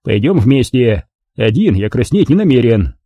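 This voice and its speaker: A man voicing a gruff, grumbling older colonel who talks bluntly. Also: medium pitch, very animated, moderate pace, dark tone, no room sound, highs cut off.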